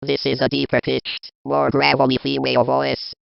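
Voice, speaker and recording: A woman's voice: rumbling low, completely flat delivery, normal speed, gravelly, no room sound. A female text-to-speech voice with an American accent and a robotic synthesized sound, reading demo lines. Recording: dry, slightly dull lo-fi synthesized audio.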